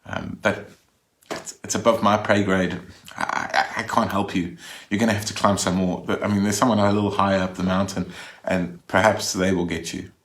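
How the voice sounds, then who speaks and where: A man voicing a mild, apologetic yogi in a parable, speaking softly and hesitantly. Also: low-pitched, little pitch movement, normal speed, slight background noise.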